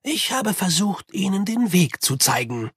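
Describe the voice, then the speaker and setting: A calm old monk explains things in a measured, lecturing tone, as a man puts him on. His raised voice has a husky edge. The storybook sound is dry and close. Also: high-pitched, no room sound, voice pushed up, full character voice.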